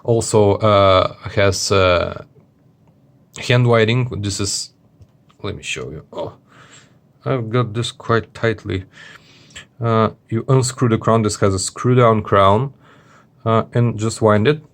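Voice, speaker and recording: Man, fairly low voice, casual unscripted reviewer, hesitant, halting delivery, gropes for words. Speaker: watch reviewer.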